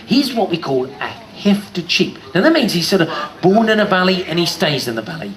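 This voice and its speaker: Higher-voiced New man, jokey showman. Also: sing-song, normal speed, a crowd in the background. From New Zealand. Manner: jokey showman, addresses kids and audience. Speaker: sheep show presenter. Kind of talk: live show commentary for a crowd. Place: live show stage before an audience.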